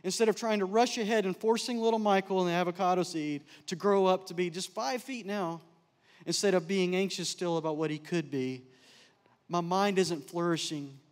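A middle-aged man telling stories in a chapel talk, animated and joking with the audience. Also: high-pitched, moderate pace. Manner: animated storyteller, jokes and laughs with the crowd. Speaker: speaker, counselor. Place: large chapel. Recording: long hall reverb.

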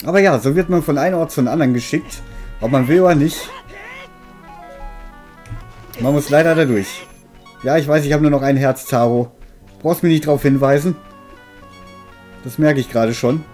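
A man's voice: a little high, brisk, a little mellow. A man giving casual game commentary as a let's player, with a dry, mildly grumbling manner. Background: game music.

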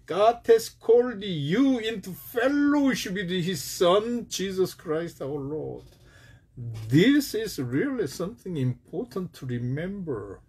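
Slow, husky-voiced male pastor preaching. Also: expressive, a little mellow. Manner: slow, emphatic preaching with wide pitch swings. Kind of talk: sermon.

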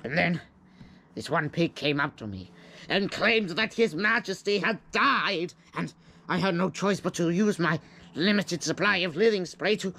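A man's voice: sits high, expressive, unhurried, vocal fry, sharp tone, pitched below the performer's own voice, full character voice. A man voicing a flustered older pig scientist who stammers nervously while explaining.

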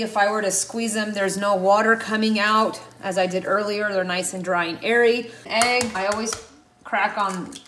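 A woman's voice: mid-range voice, fairly bright tone, far from the mic. A woman in her thirties giving a chatty, instructive home cooking demonstration as a guest chef in her kitchen, talking while she works. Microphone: camera across the kitchen. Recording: echoey kitchen, voice from off-mic, faint noise.

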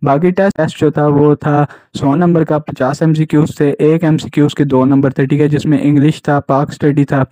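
Indignant, a young man from Pakistan tells the camera what happened when he hosted a jobs channel, frequently tossing in "right?". His fairly high, mellow voice barely shifts in pitch and moves at normal speed, on a dry, dull lo-fi recording.

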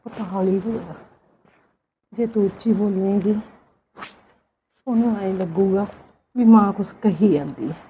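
A woman acting as a meek elderly village mother in a homemade family drama, speaking softly in a pleading, resigned way. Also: fairly high pitch, normal speed, creaky, phone-quality sound, a little hiss or hum. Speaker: neglected old mother in a family skit.

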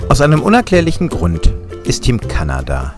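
A man's voice: medium pitch, huge pitch swings, moderate pace, music in the background. A German man narrating a sailing vlog in a wry, dryly humorous voice-over.

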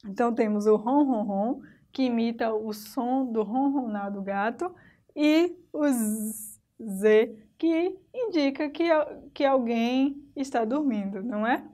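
Higher-pitched Brazilian woman teaching a lesson. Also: a little slow, mellow. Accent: Brazilian Portuguese. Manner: explains step by step, often pointing things out on screen. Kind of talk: recorded remote lesson.

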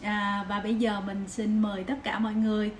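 A woman in her thirties narrates a travel vlog in a mid-range, fairly quick voice with little pitch movement, chatting straight to viewers and using lots of fillers. She starts at home and then walks through a busy street market. Background music plays over her voice, with slight background noise.

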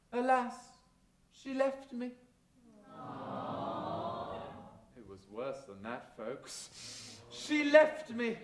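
A man playing a flamboyant, boastful tooth fairy godmother as a pantomime dame, theatrical and grandiose, with a sinister edge. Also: high-pitched. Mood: mock-tragic. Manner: theatrical, grandiose, drawn-out delivery. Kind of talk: live stage pantomime monologue with audience banter. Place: large theatre stage, indoors. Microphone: distant camera in the audience. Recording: echoey noisy theatre recorded from the audience.

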